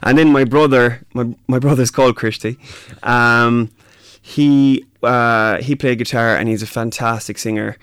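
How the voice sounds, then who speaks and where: Irish guy from the west, west of ireland accent, chatting casually in an interview, smooth clear voice, dry close sound. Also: mid-range voice, steady tone, unhurried, few pauses, a bit bright, no echo. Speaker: musician guest.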